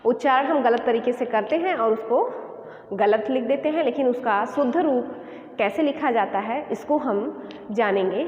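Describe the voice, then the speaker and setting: A woman teacher giving a spelling lesson, talking slowly and deliberately and repeating each word for emphasis. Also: on the high side, highs cut off. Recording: echoey room with long reverb, faint noise.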